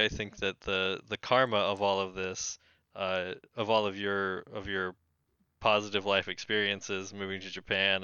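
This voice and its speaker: Man, casual co-host, tinny tin-can remote sound, crisp bright tone. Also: low voice, no echo. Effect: tinny tin-can sound from remote recording. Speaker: podcast co-host. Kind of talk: casual chat. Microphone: remote call setup. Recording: dull lo-fi remote call audio.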